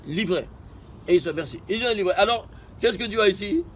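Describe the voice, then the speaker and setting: A Torah teacher with a strikingly high voice gives a brisk study lesson, posing rhetorical questions and answering them himself. His intonation is lively, shifting between emphatic bursts and quiet asides, with faint vehicle noise in the background.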